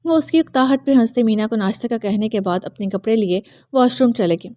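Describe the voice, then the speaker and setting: A woman's voice: a little high, mellow, no echo. A woman narrating a romance novel aloud, reading every character's dialogue herself with light voicing. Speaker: audiobook narrator.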